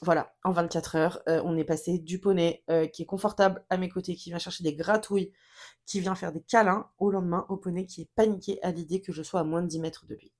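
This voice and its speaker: A pony owner records a solo podcast episode on her own, speaking frankly and from the heart about her pony and often repeating herself as she works through her feelings. Her voice is fairly low, steady and slightly mellow, and she talks briskly.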